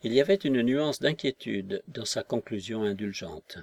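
A man narrating a literary novel as an audiobook, in a measured, even manner. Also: fairly low pitch, breathy edge.

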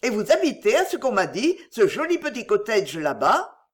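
A narrator voicing a brisk, commanding lady of the house who speaks with matter-of-fact authority, in an audiobook reading. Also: medium pitch, wildly swooping pitch.

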